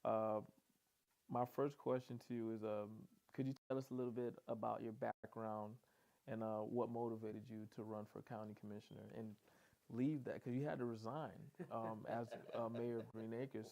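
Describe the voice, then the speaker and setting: A man's voice: fairly low pitch, fairly even intonation, moderate pace, creaky, warm tone. A man co-hosting a talk show, asking questions casually with many hesitations. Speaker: co-host. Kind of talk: interview questions.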